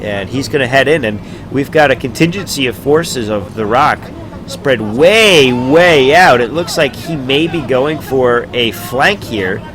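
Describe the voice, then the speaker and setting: A man giving casual solo play-by-play commentary on a live game stream, chatty and laid-back between plays, rising to excited shouts on big moments, with hiccups now and then. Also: medium pitch, a little slow, noisy background. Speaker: esports caster.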